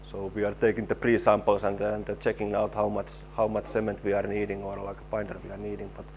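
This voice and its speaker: A low, gravelly voice from a man, talking through a technical conference presentation. He stops and restarts often, repeating words as he works through each slide, and a faint hum sits under him. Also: monotone, darkish tone. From Finland. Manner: halting, repeats words while explaining slides. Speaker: presenter, stabilization engineer.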